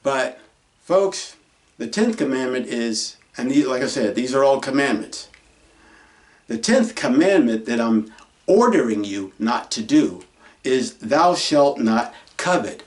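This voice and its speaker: Slow, emphatic man preaching. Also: medium pitch, expressive, distant mic. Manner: slow, emphatic, rhetorical questions answered himself. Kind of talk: folksy sermon on the commandments.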